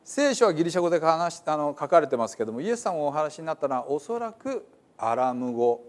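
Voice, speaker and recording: Animated male pastor explaining scripture. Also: on the high side, quick pace. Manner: conversational, explanatory, many fillers. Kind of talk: sermon. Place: church.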